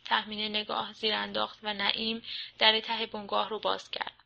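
A woman narrating a story, reading aloud in a lively, expressive way. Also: medium pitch, vocal fry, muffled recording.

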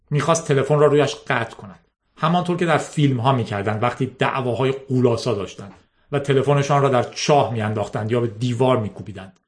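A man reading a story aloud, adding casual asides to his listeners. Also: medium pitch. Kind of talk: audiobook reading.

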